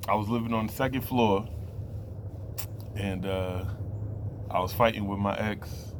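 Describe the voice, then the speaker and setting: Speaking off the cuff to his viewers, a man in his late thirties shares a personal testimony as a vlogger, peppering his talk with street slang. His voice sits fairly low, with a measured pace and fairly even intonation, over a noisy background.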